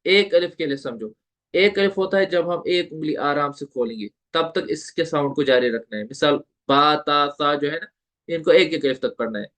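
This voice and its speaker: Patient man teaching recitation, higher voice. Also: normal speed, fairly bright tone. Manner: patient, repeats points and asks the listener questions; draws out letter sounds for demonstration. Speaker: Tajweed teacher. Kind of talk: online lecture.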